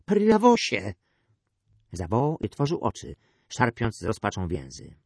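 A male audiobook narrator telling an adventure tale in a measured, storytelling manner. His voice is fairly low yet very lively in pitch. The recording is dry and close. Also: creaky, husky, no room sound. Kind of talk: scripted narration.

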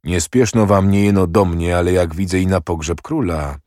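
Man voicing a brusque proud prince, impatient, low voice, dry sound. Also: steady tone, moderate pace, darkish tone, no room sound, natural voice. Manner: curt, brusque and mocking.

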